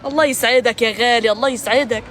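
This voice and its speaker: A woman's voice: fairly high pitch, steady tone, very fast, fairly bright tone. A woman, hosting a casual outdoor live stream with playful, dramatic mock laments. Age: 20s. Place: outdoors in a garden with people and traffic around. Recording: outdoor recording with crowd chatter.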